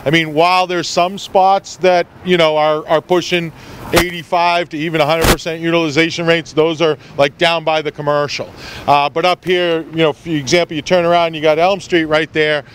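A man's voice: fairly high pitch, little pitch movement, normal speed, a bit bright. A middle-aged man leading a walking tour outdoors on a town street, explaining with lots of figures and fillers into a handheld mic. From New England. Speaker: tour guide. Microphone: handheld mic, filmed by a nearby camera. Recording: faint street noise outdoors.

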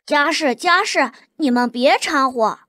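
A cheeky young prince, as a woman narrator puts him on, teases and jokes to calm everyone down. The voice is high, with a dry, close recording. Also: a little slow, no room sound, full character voice. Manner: cheeky, playful. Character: cheeky young male prince, joking peacemaker.

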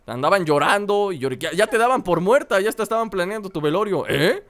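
A man's voice: high-pitched, lively intonation, brisk, fairly bright tone. A young man commenting playfully on a video game and reading its dialogue aloud. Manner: jokey, reads game lines in put-on voices. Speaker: gaming youtuber. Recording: voice over faint game music.

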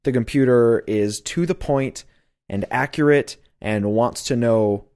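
A man's voice: medium pitch, measured pace, mellow, no room sound. A man co-hosting a film podcast in a casual, matter-of-fact way. He mostly chimes in briefly with dry remarks, then lays out a point plainly and evenly. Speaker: podcast co-host.

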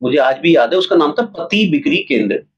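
Husky high-voiced man telling stories. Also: brisk, muffled recording. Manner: animated storytelling, acts out examples. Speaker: playwright and theatre director. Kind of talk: casual interview talk.

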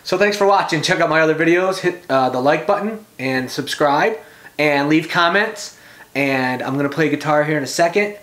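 A man's voice: a little high, normal speed, a bit bright, roomy sound. A man in his forties chatting casually in short, laid-back remarks, as in a home review video filmed in a small room. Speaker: beer reviewer and vlogger. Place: small bedroom, indoors.

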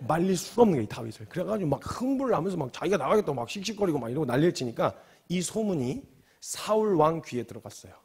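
A man preaching a sermon as a missionary, telling the story in an animated way that swings between loud outbursts and low asides. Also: racing, slightly rough.

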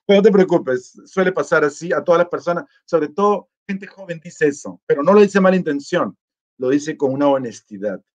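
This man's voice is on the high side, animated and brisk, with a slightly mellow quality. Hosting a live stream for a live chat contest, the vlogger casually reads viewer greetings and comments aloud and answers them in a chatty, easygoing manner.

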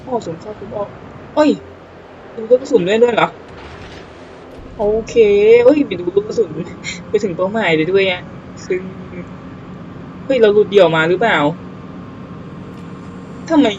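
A man giving casual let's-play commentary on a naval battle game, excitable, swearing casually and exclaiming often. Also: high-pitched, normal speed, pauses often, dull audio, background noise.

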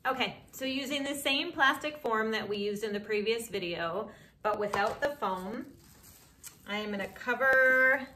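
A woman teaching a pottery lesson, calmly explaining each step while she works the clay. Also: medium pitch, slight background noise. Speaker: ceramics teacher. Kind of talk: instructional craft demonstration.

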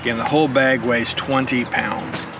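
Out on a backyard lawn, an older motorcycle vlogger demonstrates his camping gear, explaining things step by step in a conversational way and often circling back with "again" and "right." His medium-pitched voice is level, at a moderate pace, with vocal fry and background noise.

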